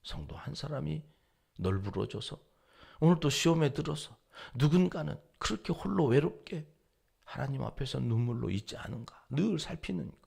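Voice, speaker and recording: A male pastor preaches a dawn sermon with a gravelly, husky voice. He moves between hushed whispers and loud emphasis, and his pitch rises and falls widely. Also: animated, normal speed.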